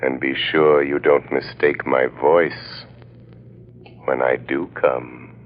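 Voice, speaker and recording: The Shadow, very deep menacing avenger. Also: male voice, steady tone. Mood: mocking defiance. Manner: slow, theatrical, taunting. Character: menacing, mocking invisible male crime-fighter, darkly gallant. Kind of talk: 1930s-40s radio drama acting. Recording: muffled noisy old radio recording.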